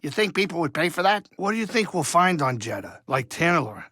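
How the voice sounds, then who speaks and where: Chatty and fairly quick, this bright, high-voiced alien pilot of a small starship trades folksy wisecracks and grumbles with an underlying good heart. His heavily acted video game lines swing wildly in pitch, recorded dry and close.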